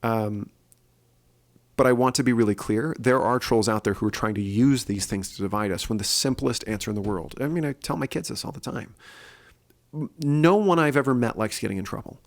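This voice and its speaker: A man's voice: mid-range voice, brisk. A man hosting his own solo podcast, speaking earnestly and thinking aloud with fillers and restarts. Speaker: podcast host.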